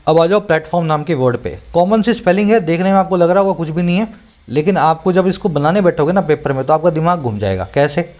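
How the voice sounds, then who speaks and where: A man with a fairly high, slightly mellow voice talks fast as he tutors English. He explains a newspaper editorial in Hindi, using English terms in an Indian English accent, and keeps checking that the learner follows.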